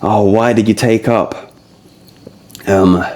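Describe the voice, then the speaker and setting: As a fitness vlogger leading core exercises, a man in his early thirties chats discursively to the camera, speaking straight to his listeners. His voice is low, darkish and fairly even, delivered slowly, with a little hiss or hum in the recording.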